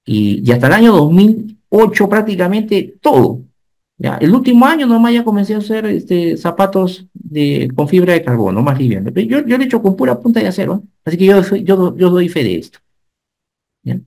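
A man, giving an animated online safety lecture and often checking whether the class follows. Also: sits high, fairly quick, vocal fry. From Peru. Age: 50s. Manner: animated teacher, asks the class checking questions. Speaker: occupational safety instructor.

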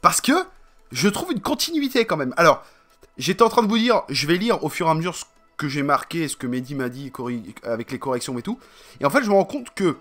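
Bright-voiced rambling man vlogger. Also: a little high, very animated, brisk, faint music behind. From France. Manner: rambling, slangy, full of fillers. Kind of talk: casual vlog chat.

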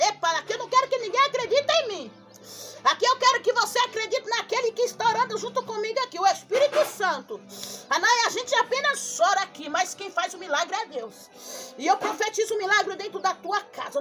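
A woman's voice: extremely high pitch, sharp tone. A woman missionary leading a fervent prophetic prayer, breaking into tongues and calling listeners by name. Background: worship music.

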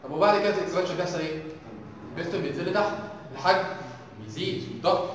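A man's voice: sits high, rapid-fire, slight background noise. A young Egyptian man teaching a university engineering section, constantly firing questions at the class. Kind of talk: university tutorial lecture. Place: large lecture hall. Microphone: distant room mic. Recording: echoey hall recorded from far off.

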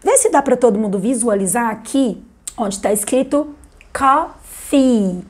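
A woman's voice: fairly high pitch, warm tone, slightly rough. Chatty Brazilian woman teaching English. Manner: chatty, explains slowly, repeats English words for emphasis. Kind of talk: casual video lesson.

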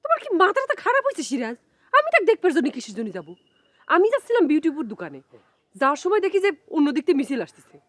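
A brisk, teasing young village girl. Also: high-pitched, huge pitch swings, no echo, studio quality. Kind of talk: TV drama acting.

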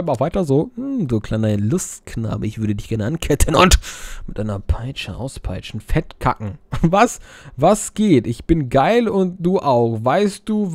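A man's voice: on the high side, darkish tone, no room sound, studio quality. A young man doing casual game commentary, reading viewer messages aloud in silly voices and swearing while joking around. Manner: crude, joking, swears a lot. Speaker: let's player.

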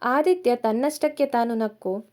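A woman narrating a romance story in a calm, measured storytelling manner. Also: on the high side.

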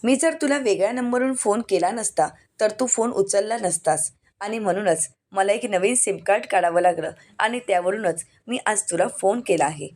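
A vengeful young man, sour and threatening, as a woman narrator reads his lines. The voice keeps the reader's own medium pitch, with a hard, accusing edge, like a storybook recap. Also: normal speed, darkish tone, lightly acted. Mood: bitter.

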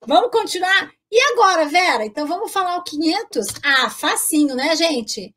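A woman teacher giving an online lesson, cheerful and checking in with her class often, drawing out each number slowly so the students can repeat it. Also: extremely high pitch, expressive, fairly bright tone. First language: Portuguese. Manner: slow, drawn-out modeling of numbers. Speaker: French teacher.

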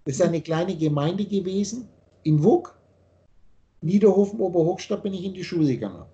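Older man, high and mellow voice, rambling spiritual lecture over a video call, insistent, lots of restarts. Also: animated, normal speed, lo-fi sound. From Austria. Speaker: spiritual teacher.

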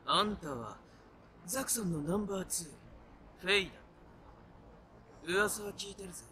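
A man voicing a brash young male hacker in a video game, speaking in a rough, casual and cocky way. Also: high-pitched, lively intonation, normal speed, bright, forceful tone, full character voice. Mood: casual, wry. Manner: rough, informal, cocky speech.

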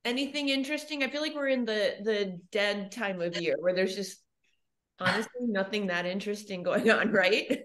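A woman's voice: mid-range voice, normal speed. Chatty woman in her fifties teaching. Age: 50s. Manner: chatty and laughing, then calm, steady exercise cueing. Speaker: fitness instructor. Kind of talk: live online exercise class.

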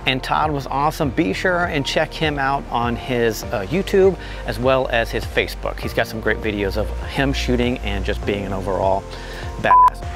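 A man's voice: medium pitch, normal speed, music in the background. A man in his forties, an enthusiastic host chatting casually about shooting at an outdoor range. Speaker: channel host. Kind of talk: casual range vlog chat.

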